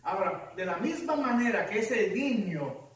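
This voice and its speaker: High-voiced man preaching in echoey church. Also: lively intonation, a little slow. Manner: emphatic, asks many rhetorical questions. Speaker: pastor. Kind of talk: sermon. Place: church sanctuary. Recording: echoey church hall, distant mic.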